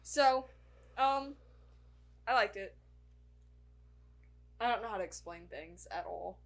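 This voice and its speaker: A woman's voice: mid-range voice, expressive, takes it slowly, gravelly. A woman chatting casually as a podcast panelist, with exaggerated, cartoonish intonation. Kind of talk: casual chat.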